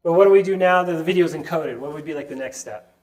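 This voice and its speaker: A man's voice: fairly high pitch, fast, darkish tone. A man with a stuffy, nasal voice from a sinus cold, giving a casual whiteboard tech talk to a user group and often checking in with the audience. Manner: chatty, keeps asking the audience "right?".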